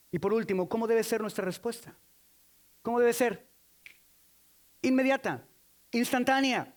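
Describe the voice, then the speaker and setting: Mexican male pastor, high voice, emphatic call-and-response sermon, playful teasing. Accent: Mexican Spanish. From Mexico City.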